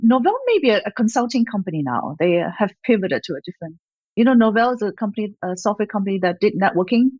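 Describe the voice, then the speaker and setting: The recording is muffled with no room sound as a gallerist from Malaysia, a woman in her fifties, chats as a guest in an interview. Her mid-range voice has lively intonation, and she speaks quickly, rambling with frequent fillers and light laughs.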